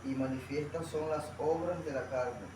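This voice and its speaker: Man reading scripture aloud, somewhat high voice, distant in a roomy hall with noise. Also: normal speed. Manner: steady reading of a list, some words pressed louder. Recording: echoey room, far from the mic, clear noise.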